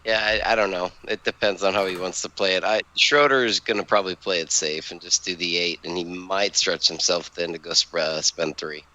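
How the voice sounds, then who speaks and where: A man's voice: deep voice, steady tone, fairly quick, hardly any pauses, pushed and bright, poor audio. A man commentating a board game tournament, speculating casually about a player's next moves. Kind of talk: strategy analysis commentary.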